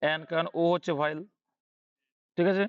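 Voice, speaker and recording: A man's voice: a little high, level tone, a little fast, clear, resonant tone, no echo, muffled recording. A man with a Bangladeshi Bengali accent teaching English grammar, often asking a question and answering it himself and repeating key points. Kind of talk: online English grammar lesson.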